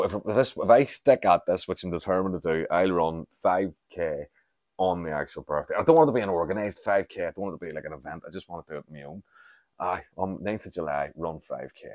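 A man's voice: low voice, darkish tone, no echo, clean studio sound. A man, chatting casually and candidly as a podcast host, rambling and swearing freely. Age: 40s. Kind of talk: casual solo chat.

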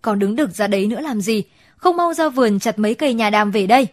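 A harsh, hot-tempered father, read by a woman narrator, snapping out rapid scolding commands. The recording is dry and close, with no room sound. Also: a little high, expressive, dry recording, natural voice. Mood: angry scolding. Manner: scolding, barking orders. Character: harsh, quick-tempered middle-aged father.

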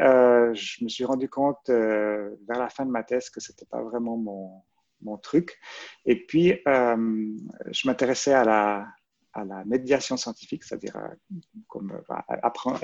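A man's voice: medium pitch, a little slow, gravelly, darkish tone. A man in his forties with a Swiss French accent from Vaud, answering interview questions hesitantly with many fillers and restarts. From Switzerland. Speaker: guest, librarian and photographer. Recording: muffled, lo-fi.

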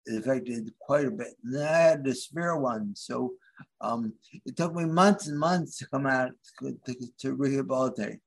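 A man from the Philadelphia area, a guest in an interview, speaking haltingly with many restarts as he searches for words. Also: medium pitch, vocal fry. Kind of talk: interview conversation.

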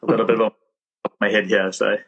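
A man's voice: fairly low pitch, level tone, fairly quick, gravelly, husky, dull audio. A man with a thick South African accent, a chiropractor chatting casually as a podcast guest, modest and self-deprecating.

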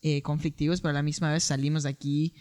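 A man co-hosting a podcast, chatting casually with many hesitant fillers and quick laughs. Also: fairly high pitch, flat delivery, darkish tone, dry recording. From born in Puerto Rico, Chilean parents. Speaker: podcast co-host. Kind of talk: casual chat.

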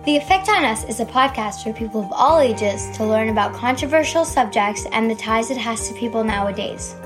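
A woman's voice: on the high side, animated, brisk. Woman reading a podcast intro. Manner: reads a prepared introduction. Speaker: podcast host. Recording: podcast intro over music.

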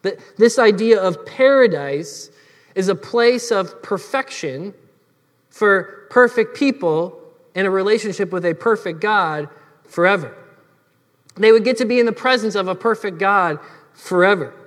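A man preaching a sermon as pastor, earnest, often dropping to soft emphatic phrases. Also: sits high, lively intonation, a little slow, in a large hall.

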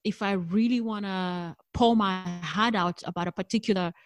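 This middle-aged jazz singer from South Africa, whose first language isn't English, is interviewed in a conversational way and answers with thoughtful candor and easy laughter. She speaks at a normal speed in a mid-range voice, with no room sound and soft music in the background.

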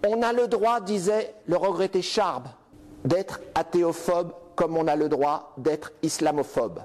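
A man speaks publicly in a philosopher's argued style. His voice is clearly high for a male speaker. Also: measured pace, a little mellow. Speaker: philosopher giving a public talk. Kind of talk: public speech.

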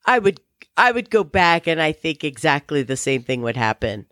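Relaxed, reflective podcast co-host. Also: medium pitch, normal speed, no room sound, studio quality. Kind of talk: casual chat.

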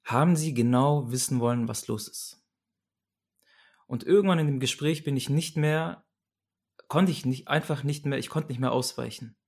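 A man's voice: medium pitch, moderate pace, vocal fry, darkish tone. A young man telling a personal story as a guest in a conversation, earnest and searching, often restarting and repeating himself as he goes.

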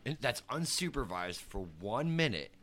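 A man's voice: mid-range voice, very animated, normal speed, fairly bright tone, slight background noise. A man, a parent, co-hosting a casual podcast and reading out jokes and sayings. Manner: reads out mom jokes and quotes. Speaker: podcast co-host. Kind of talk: casual podcast joke-telling.

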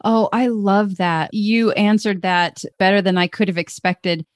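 A woman hosting an interview, encouraging and upbeat, quick to praise her guest. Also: mid-range voice, steady tone, dry recording, clean studio sound. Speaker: interviewer host. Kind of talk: friendly interview chat.

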